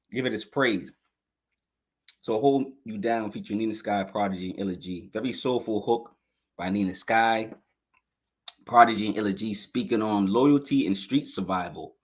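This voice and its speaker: A man's voice: on the low side, a bit bright. A man hosting a podcast album review in a casual, hyped, slangy way, speaking straight to his viewers, his voice scratchy this morning. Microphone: live stream podcast mic.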